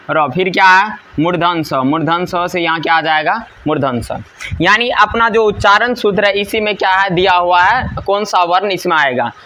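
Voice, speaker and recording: A man's voice: sits high, pushed and bright. A male teacher, giving a grammar lesson that drills rules by asking and answering his own questions.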